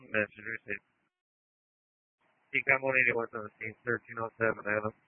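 A man's voice: lowish voice, steady tone, moderate pace. A man on an ambulance crew making terse, formulaic procedural calls over a two-way radio. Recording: narrowband mobile two-way radio.

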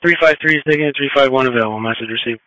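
A man's voice: medium pitch, racing, a bit bright, dry recording, poor audio. A man working as an emergency dispatcher, speaking in a clipped, businesslike procedural way over two-way radio. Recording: dry close two-way radio audio.

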